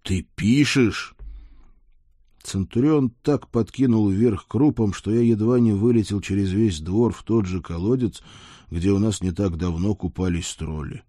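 A man's voice: fairly low pitch, moderate pace, mellow, no room sound, studio quality. A man narrating a fantasy audiobook in the first person with a wry, ironic manner.

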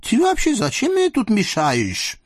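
A shrill, squealing sultan, greedy and fickle as a spoiled child. He wheedles and exclaims with a drawn-out "eh", his voice leaping high and dry. The tone is husky at the edges. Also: huge pitch swings, no echo, full character voice. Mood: indignant, delighted.

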